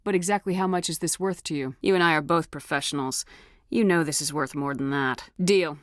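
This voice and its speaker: An actress playing a tough, no-nonsense military space commander in a video game, with a clipped, assertive, businesslike delivery. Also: female voice, sits low, fairly quick, dry recording, studio quality, natural voice. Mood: firm, persuasive. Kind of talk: video game dialogue acting.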